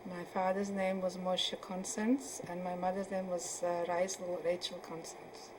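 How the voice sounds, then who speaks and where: A woman in her seventies from Poland, answering questions in an oral history interview and often pausing to search for words. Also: on the low side, flat delivery, noisy background. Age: 70s. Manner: hesitant, searching for words with many fillers.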